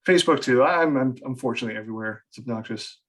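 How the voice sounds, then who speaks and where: A man's voice: medium pitch, racing. American guy on a podcast, chatty, pokes fun at himself, laughs a lot, medium voice. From United States. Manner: chatty, self-deprecating, laughs often. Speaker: podcast guest, author. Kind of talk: casual interview chat.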